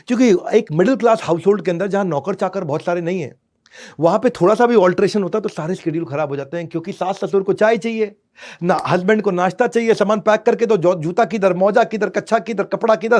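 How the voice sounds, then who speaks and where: A man's voice: high-pitched, darkish tone. A man giving a dramatic, emphatic motivational lecture on parenting, with rhyming asides and English phrases mixed in. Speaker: parenting speaker.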